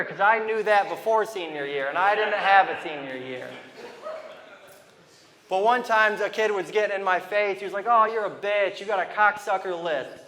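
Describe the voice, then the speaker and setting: A man in his thirties from Toledo, Ohio, in the US, does a loose, rambling stand-up set at a comedy venue, tossing asides to the live audience. He speaks with a lisp in a high-pitched, sharp voice, and the sound trails off in a long reverb tail.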